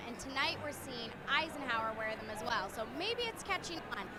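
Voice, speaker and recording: High-voiced woman reporting from sideline. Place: outdoors at a ballfield sideline. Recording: loud outdoor field noise, traffic.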